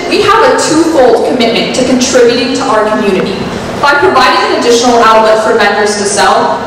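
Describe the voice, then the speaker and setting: A woman delivers a confident, prepared startup pitch in a fairly high voice. She sounds polished and rehearsed, picked up by a distant mic in a heavily echoing hall with clear background noise. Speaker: pitch presenter, startup team member. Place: large reverberant room, recorded from afar.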